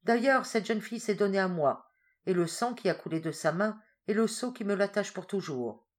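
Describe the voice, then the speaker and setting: The devil in a storybook, male, scornful and menacing, as a woman reader puts him on. He speaks with haughty defiance, his voice pitched up and loud. Each claim lands with contempt. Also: animated, moderate pace, lightly acted.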